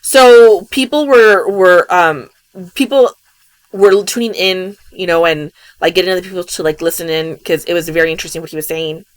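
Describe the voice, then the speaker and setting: Speaking at a normal pace in a lowish, smooth voice, a woman podcaster casually walks through a bizarre real-life case. The recording is dry, and her rambling delivery leans heavily on "you know" and "um."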